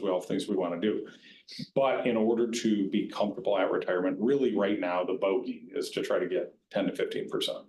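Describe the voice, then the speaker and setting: In the echoey county board meeting room, a man gives an informal educational talk, advising county staff on retirement plans in a plain-spoken, conversational manner. His voice is lowish and a little mellow, with slight background noise.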